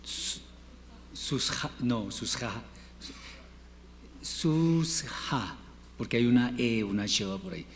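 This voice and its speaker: A man leads a classroom lesson at an unhurried pace. He repeats each word form carefully for his students. His voice carries a long room reverb over a faint hiss. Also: mid-range voice, steady tone, creaky. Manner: patient, repeats words slowly for students. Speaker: Hebrew teacher.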